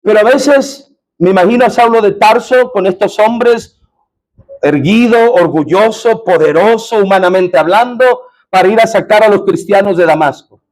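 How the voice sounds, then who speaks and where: A man's voice: high voice, moderate pace. A man preaching a sermon as pastor in a church, often asking the congregation questions.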